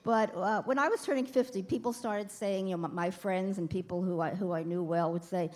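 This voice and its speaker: A woman's voice: mid-range voice, brisk, darkish tone. A woman in her fifties giving a chatty, self-deprecating speech at a gala, speaking to the crowd from a podium. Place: banquet hall.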